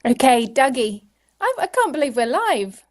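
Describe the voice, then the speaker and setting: A woman's voice: high-pitched, big pitch swings, moderate pace. A woman co-hosting a live golf tour broadcast, chatty and teasing her co-host as she runs through the standings. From Europe.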